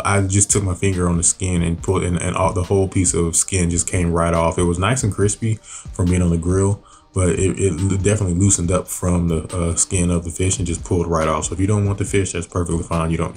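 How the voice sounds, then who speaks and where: Talking fast in a very deep, low voice, a cooking channel host narrates his grilled recipe over faint, soft background music. His casual voice-over is relaxed and rambling, packed with fillers and restarts.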